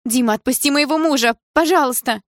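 A woman reading an audiobook, voicing a panicky, shrill mother who pleads and cries out in fear. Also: brisk, dry recording, studio quality, lightly acted. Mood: panicked. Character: shrill frightened mother, middle-aged woman.

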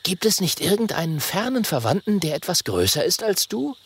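A man's voice: high-pitched, sing-song, brisk, fairly bright tone, husky, pitched above the performer's own voice, exaggerated voice. A man doing a curious young dragon. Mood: thoughtful.

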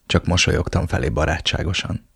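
Deep, gravelly male audiobook narrator. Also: a bit bright, no echo, studio quality. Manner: brooding, inward. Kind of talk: first-person novel narration.

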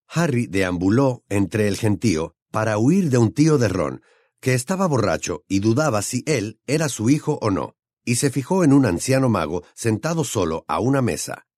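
Expressive male audiobook narrator, dry close sound. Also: fairly low pitch, normal speed, no echo. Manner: expressive, steady storytelling.

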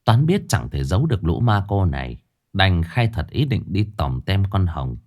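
A man narrating a ghost story in an expressive way. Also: low-pitched, normal speed. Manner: lively, expressive. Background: faint music.

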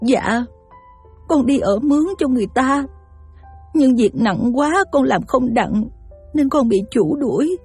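A woman's voice: on the high side, animated, moderate pace, long pauses, a little mellow, breathy edge. An actress with a Southern Vietnamese accent playing a poor, devoted young mother who speaks politely and pleadingly, over faint music. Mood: humble.

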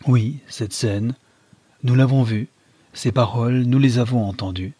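A man reading a novel aloud as an audiobook narrator in a measured, dramatic manner. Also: medium pitch, dark tone, husky, no echo. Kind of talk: scripted literary reading.

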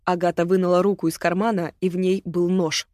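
A woman narrating an audiobook in a measured, even storytelling manner, close to a studio microphone. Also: lowish voice, dry recording. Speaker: audiobook reader. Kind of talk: scripted narration.

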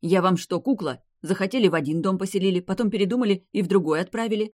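A reader voicing a proud, sharp-tongued young female vampiress in an audiobook, answering back with quick indignant retorts. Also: mid-range voice, no echo, studio quality, pitched above the performer's own voice, close to an everyday voice. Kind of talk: audiobook character voice.

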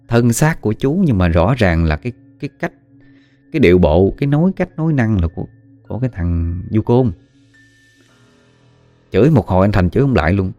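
Low-voiced Southern Vietnamese storyteller. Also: male voice, dark tone, no room sound. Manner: conversational, dramatic asides. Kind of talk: ghost story narration. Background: faint music.

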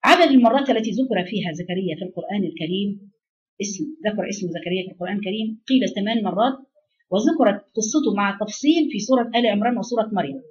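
Woman, Egyptian accent, religious teacher, fast talker, dull lo-fi sound. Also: mid-range voice. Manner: animated, asks the class questions and answers them. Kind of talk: Quran lesson in Egyptian colloquial. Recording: dull lo-fi recording.

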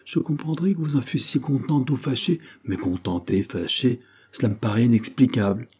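A man reading aloud voices a courteous young man who speaks in a measured way. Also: medium pitch, mellow, husky, pitched above the performer's own voice, close to an everyday voice.

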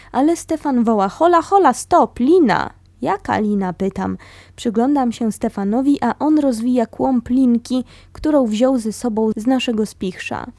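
A woman reading a memoir aloud, telling it in a calm, steady way. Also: on the high side, no echo. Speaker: reader of a memoir.

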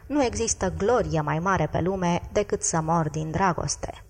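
A woman voicing a young man in love who speaks quietly, firmly and earnestly in an audiobook. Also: on the low side, big-room sound.

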